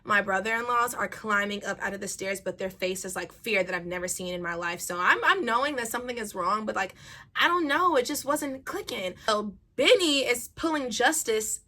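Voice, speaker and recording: Young woman, casual vlog storytelling, animated, bright tone, slightly high voice. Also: moderate pace. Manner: animated, chatty, laughs while telling. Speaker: vlogger.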